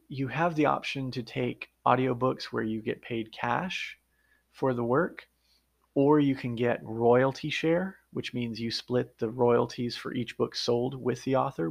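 This is a casual solo podcast in which the host, an audiobook narrator, explains his craft in an earnest, step-by-step way. His voice is creaky and sits in the mid range.

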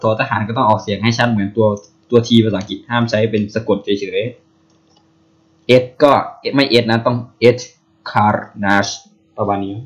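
A man's voice: lowish voice, steady tone, normal speed, breathy edge. A man casually explaining something to a co-host, playfully sounding out syllables one by one.

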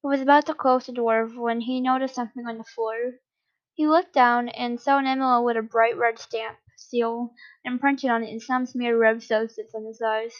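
A woman's voice: a little high, steady tone, moderate pace. A woman reading a fan story aloud in a casual, unpolished way, with the odd slip and restart. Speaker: story reader. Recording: dull lo-fi recording.

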